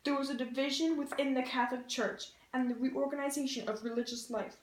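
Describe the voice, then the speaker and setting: This young woman is a student presenter giving chatty, informal explanations as she narrates a scripted educational puppet show. Her high-pitched voice holds a steady tone and moves briskly. The recording picks up an echoey room through a slightly distant mic.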